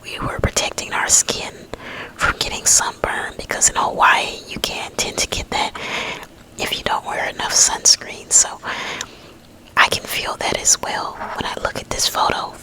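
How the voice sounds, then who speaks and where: Slow, breathy whispering woman, ASMR. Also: rough recording. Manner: slow, lingering, gentle rambling with drawn-out words. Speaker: ASMR host.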